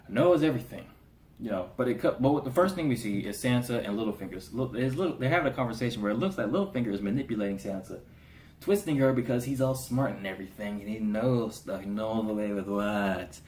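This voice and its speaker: A man giving a casual spoken review of a TV episode, slangy and animated, slipping into voices for the characters. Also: mid-range voice, normal speed. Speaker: TV show reviewer. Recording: roomy echo.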